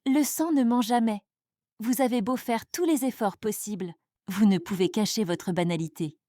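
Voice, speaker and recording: A woman's voice: medium pitch, normal speed, dark tone, no room sound, lightly acted. Haughty storybook matriarch, a woman reading her, cold and condescending, dry close voice. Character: arrogant, icy older society matriarch.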